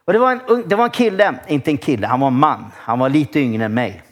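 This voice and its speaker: Excitable male preacher telling a story. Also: mid-range voice. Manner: lively storytelling with frequent restarts and rising excitement. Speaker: pastor. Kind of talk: sermon. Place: church.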